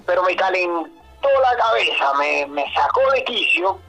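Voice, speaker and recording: A man telling a work story as a guest on a casual podcast, animated, swearing, often saying "brother". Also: sits high, moderate pace, gravelly, soft background music, poor audio.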